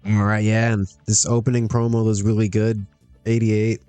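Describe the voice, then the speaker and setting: A man gives relaxed, rambling commentary while he plays a wrestling booking game, breaking into laughs as he goes. His voice is mellow and warm, recorded dry and close with faint music underneath. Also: on the low side, a little fast, clean tone, no echo. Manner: chatty, laughs often, talks to himself. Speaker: streamer playing a wrestling management game. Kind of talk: casual gameplay commentary.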